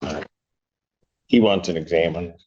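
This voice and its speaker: A man presiding as judge, giving brisk, matter-of-fact rulings, heard through a courtroom audio recording. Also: low-pitched, darkish tone, muffled recording, a little hiss or hum. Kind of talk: presiding over court hearings.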